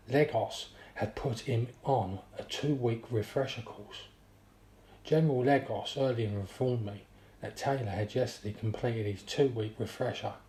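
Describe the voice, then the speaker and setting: Man reading his own war story out loud, mellow dark voice, steady pace, echoey room. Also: mid-range voice. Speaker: narrator. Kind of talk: first-person story reading. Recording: roomy echo.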